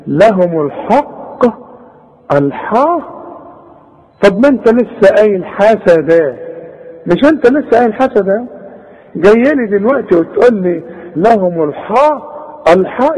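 A man's voice: high voice, darkish tone, husky. A man with an Egyptian Arabic accent teaching Quran recitation rules, drilling sounds and correcting the pronunciation of mistakes in a chiding, hands-on way. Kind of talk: tajweed lesson with corrections. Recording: echoey, dull lo-fi tape recording.

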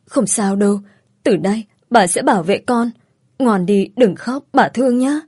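A woman's voice: lively intonation, measured pace, dark tone, breathy edge, dry recording. A woman voicing an older grandmother who scolds sharply and coos over her grandchild, read in a dry, close-sounding room. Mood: soothing. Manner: shrill and scolding, tender with the grandchild.

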